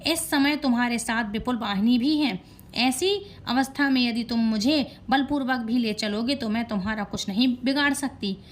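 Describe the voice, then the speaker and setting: A woman voicing a calm and powerful goddess who speaks in measured, dignified lines. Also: fairly high pitch, close to an everyday voice.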